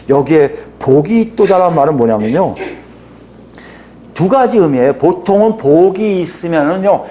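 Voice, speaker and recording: A male pastor preaching an expository sermon in an animated way, asking many rhetorical questions. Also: on the high side, a little hiss or hum.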